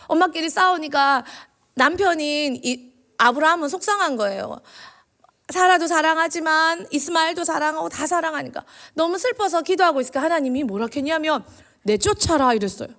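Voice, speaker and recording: A woman, a children's minister giving an animated sermon in church and quizzing the children with questions. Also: sits high, vocal fry.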